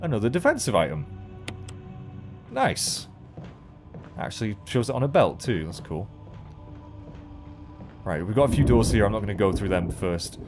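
A man's voice: fairly low pitch, big pitch swings, normal speed, pauses often, a little mellow, soft background music. A man in his thirties giving casual, jokey, sweary let's play commentary, thinking aloud as he goes. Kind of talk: casual horror game commentary.

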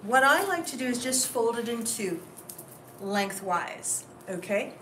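A woman stylist talks through outfits in a chatty way and keeps checking in with the people around her. Her voice rings around a roomy space and sits back from the mic. Steady background noise runs underneath. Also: on the high side, measured pace. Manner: chatty, keeps asking "okay?". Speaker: host, stylist. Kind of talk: casual styling demo. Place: clothing store. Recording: roomy, distant mic, noisy.

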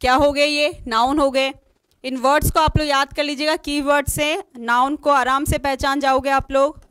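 A woman's voice: sits high, little pitch movement, moderate pace, a bit bright, dry recording. A woman teaching an online exam-prep lesson, spelling words out letter by letter and asking questions she then answers herself. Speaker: English teacher.

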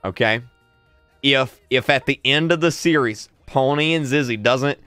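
A man in his twenties hosting a casual livestream, excitable and quick to laugh, repeating words as he reacts. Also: mid-range voice, clean tone, dry recording, soft background music. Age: 20s. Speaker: livestream host.

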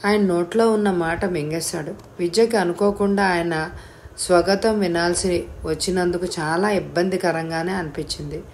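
A woman reading a novel aloud as an audiobook narrator, with steady, expressive storytelling. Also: lowish voice, a little hiss or hum.

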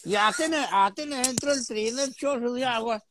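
A man telling a rambling, improvised comic story, laughing and breaking into shouted gibberish quotes. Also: very high-pitched, normal speed. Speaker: comedian playing a Titanic historian. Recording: noisy background hiss.

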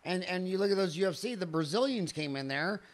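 A man's voice: sits high, expressive, fairly quick. A man in his fifties hosting a podcast interview, asking long, rambling conversational questions. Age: 50s. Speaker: podcast host.

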